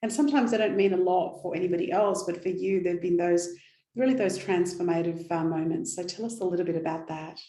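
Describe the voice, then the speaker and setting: A podcast host with a fairly low, dark-toned voice speaks quickly as she opens an interview, eager and chatty. She reads the guest's bio enthusiastically, dropping in a few "um"s. The room echoes, and faint music plays underneath.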